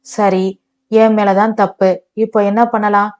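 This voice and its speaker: A woman voicing a patient young wife who speaks calmly and soothingly. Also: mid-range voice, unhurried, close to an everyday voice. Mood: pleading. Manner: calm, soothing, pleading.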